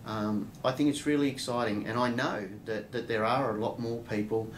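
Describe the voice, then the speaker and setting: An Australian man giving a thoughtful interview answer as a political candidate, pausing often with fillers. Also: mid-range voice, fairly even intonation, a little hiss or hum, poor audio. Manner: thoughtful, hesitant with many fillers. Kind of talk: casual spoken interview answer.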